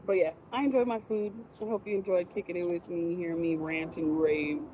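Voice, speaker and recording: A woman's voice: on the low side, fairly even intonation, brisk, muffled recording, a little hiss or hum. A woman vlogger chatting casually to camera while eating outdoors, with a frank, profane, laughing way of ranting.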